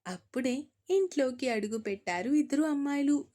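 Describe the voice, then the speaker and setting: A woman narrating a romantic audio story with steady, expressive reading. Her voice sits a little high, and she moves through the scenes at an even clip. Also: normal speed.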